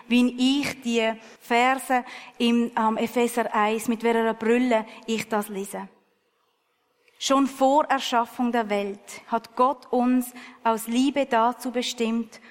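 Slow-speaking woman preaching in a hall. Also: on the high side. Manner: earnest, personal, conversational preaching. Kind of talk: sermon.

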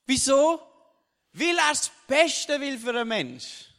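A man's voice: very high voice, slow pace, vocal fry, big-room sound. A man with a Swiss German accent preaching a sermon. He speaks casually and keeps checking in with the listeners by asking "oder?". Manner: animated, casual wording.

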